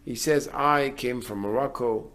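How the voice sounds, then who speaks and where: A man's voice: mid-range voice, a little slow, fairly bright tone. A middle-aged man, a rabbi, giving a sermon in an earnest way, building to emphatic declarations.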